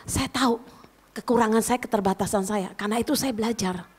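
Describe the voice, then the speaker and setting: Woman pastor, high voice, lively conversational preaching, addresses the congregation directly. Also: a little fast, slightly rough. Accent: Indonesian. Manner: animated preaching, often addresses listeners as "saudara". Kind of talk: sermon.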